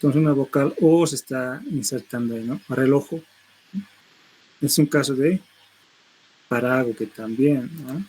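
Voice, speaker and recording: Teaching a university seminar in linguistics, a middle-aged man walks through ideas step by step, ending phrases with an inquiring "no?". He has a husky, darkish, medium-pitched voice at normal speed, heard through poor audio.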